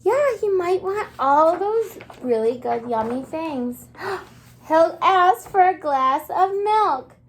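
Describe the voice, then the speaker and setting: With an extremely high, animated voice, a kindergarten teacher guides her class through a read-aloud. She speaks simply and encouragingly, stops to ask questions and let the kids answer, and there's slight background noise.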